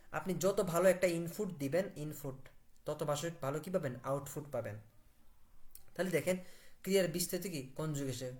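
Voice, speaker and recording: A man teaching Italian in a live online class. He asks the class questions, answers them himself and repeats words for stress. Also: fairly high pitch.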